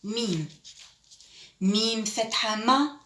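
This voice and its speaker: A woman teacher who slowly drills Arabic letters and syllables with children, praises them often and slips into French classroom phrases. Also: fairly high pitch, fairly bright tone, echoey room, far from the mic, a little hiss or hum. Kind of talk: Arabic reading lesson for children.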